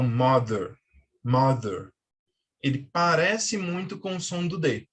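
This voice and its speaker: A husky-voiced man teaches English pronunciation on a TV show in an upbeat, encouraging way. He speaks slowly and deliberately, repeating each word for viewers to follow. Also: fairly high pitch, fairly bright tone. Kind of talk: quick language tip on a TV show. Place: TV studio.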